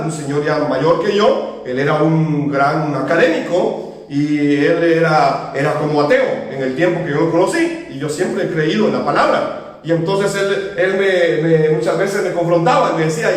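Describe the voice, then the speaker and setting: A male pastor with a Guatemalan accent, preaching a sermon and telling stories with frequent pauses and fillers. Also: a little high. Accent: Guatemalan Spanish. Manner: storytelling with many pauses and fillers. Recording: echoey room from a distance.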